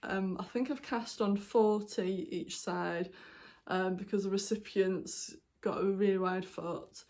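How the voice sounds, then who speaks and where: A woman's voice: medium pitch, fairly even intonation, takes it slowly, a little mellow. A woman hosting a knitting podcast, chatting casually and meandering with lots of ums and apologies while she shows her projects. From United Kingdom. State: hiccuping. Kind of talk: casual show-and-tell vlog.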